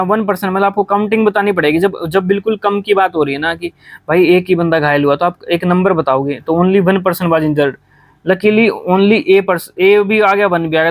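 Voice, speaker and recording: Man, high-pitched tutor voice; exam lesson, reads sentences slowly; dry booth sound. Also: no room sound. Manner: explains in Hindi mixed with English, reads English sentences slowly. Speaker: teacher.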